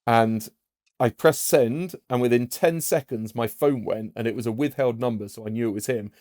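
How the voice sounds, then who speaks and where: Man telling lively anecdotes, dry sound. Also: mid-range voice, normal speed, no room sound. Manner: animated anecdotes with many restarts. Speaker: former aide, podcast guest. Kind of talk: storytelling in a podcast conversation.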